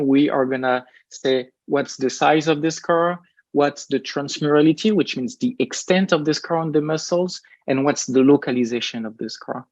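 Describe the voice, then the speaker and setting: A man's voice: on the high side, dry recording, highs cut off. A man with a French accent presenting his research at a conference, hesitant with many fillers and repeated words.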